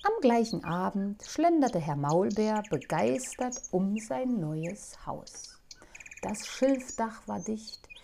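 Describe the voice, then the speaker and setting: A woman reading a children's story aloud in an expressive, playful way. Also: medium pitch, slow, gravelly, a little hiss or hum.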